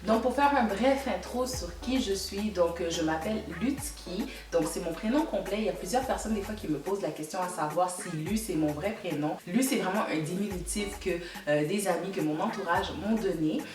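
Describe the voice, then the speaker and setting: A woman's voice: medium pitch, normal speed, hardly any pauses, recorded from a distance. Chatty Québécois woman in her thirties, echoey room. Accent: Québécois French. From Canada. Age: 30s. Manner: warm, chatty, repeats words for emphasis. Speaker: vlogger. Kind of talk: casual chat to camera.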